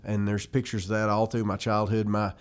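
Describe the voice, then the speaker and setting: This Western North Carolina musician, in his forties and speaking with a Southern Appalachian accent, looks back casually during an interview. He talks a little fast in a level tone, his lowish voice clear and resonant.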